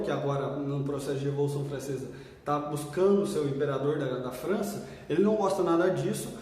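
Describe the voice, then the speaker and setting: In a chatty, casual exam-prep video lesson, a Brazilian man teaching history keeps checking in with his students, speaking in a high voice with a darkish tone. His mic sits far off in an echoey room.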